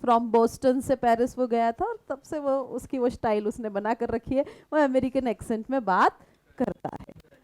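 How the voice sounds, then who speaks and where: High-voiced woman teacher explaining slowly. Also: a little mellow, no room sound, poor audio. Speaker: English teacher. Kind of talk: classroom lesson explaining a story in Hindi and English.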